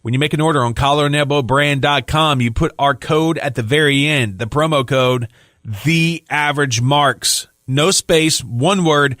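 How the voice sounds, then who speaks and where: Sleepy guy on a podcast running thru the sponsor stuff, bit high voice, dry mic. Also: normal speed, hardly any pauses, a bit bright, dry recording. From Louisiana. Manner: chatty, loose, with filler words. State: tired, yawning. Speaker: podcast co-host. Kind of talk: casual podcast chat, reading sponsor plugs.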